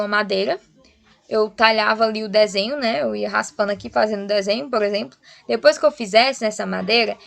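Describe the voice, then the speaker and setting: A woman's voice: a little high, vocal fry, a bit bright. A woman teacher explaining a lesson to students, often asking rhetorical questions and checking in. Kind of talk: online class lesson.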